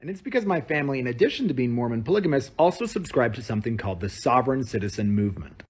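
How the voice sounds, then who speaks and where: A man's voice: mid-range voice, very animated, very fast, a little mellow, husky. A man telling a personal story to camera in a casual, wry and emphatic way. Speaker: TikTok storyteller.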